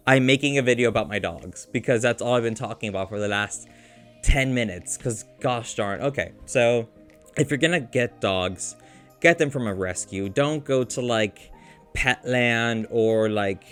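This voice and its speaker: A man talks to the camera in a loose, rambling vlog monologue. His voice sits in an ordinary middle register. He keeps breaking off and restarting his sentences as he works through a personal, emotional story, with soft music playing faintly underneath. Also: mid-range voice, normal speed, clear, resonant tone. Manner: rambling, self-interrupting, emotional. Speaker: vlogger.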